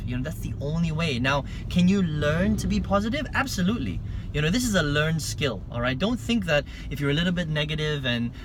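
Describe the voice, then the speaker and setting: A man from Malaysia giving a motivational business talk, emphatic and checking in with "okay?" after his points. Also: a little high. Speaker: online business coach. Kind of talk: motivational vlog talk to camera. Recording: outdoor recording with loud traffic noise.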